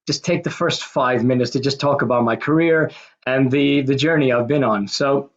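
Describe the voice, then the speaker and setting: A man's voice: mid-range voice, normal speed, dull audio. A man in his forties from Pakistan with an American accent, giving a conversational, self-deprecating talk about his career as a guest speaker. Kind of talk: conversational presentation.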